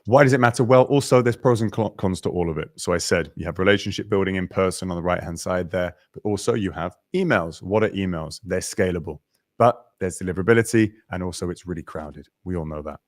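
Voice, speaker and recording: A man with a very low voice hosts a live webinar. He talks over a video call in a dry, close sound, and he is lively and chatty as he greets viewers and runs through slides. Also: quick pace, no echo. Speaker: webinar host.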